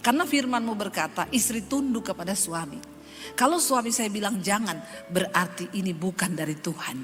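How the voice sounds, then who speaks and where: A woman pastor, preaching a sermon with emphatic questions to the congregation and swings between loud exclaiming and low confiding tones. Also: expressive, normal speed, long reverb tail, faint music behind.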